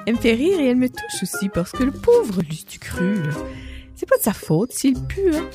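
A woman reading a children's story aloud as a storyteller, expressive and speaking to a child listener. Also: sits high, normal speed, music in the background.

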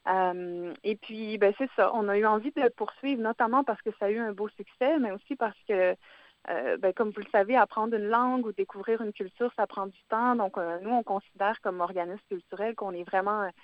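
A woman's voice: mid-range voice, normal speed, no echo, lo-fi sound. A woman with a Quebec French accent, a guest speaking in a radio interview, hesitant, with many fillers and restarts. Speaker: guest, founder and director of a cultural organization.

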